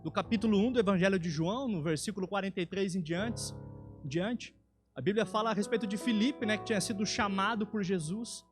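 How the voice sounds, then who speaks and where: A man's voice: sits high, fairly quick, faint music behind. A man with a Brazilian Portuguese accent preaching a sermon in a church, earnest and rising to emphatic peaks.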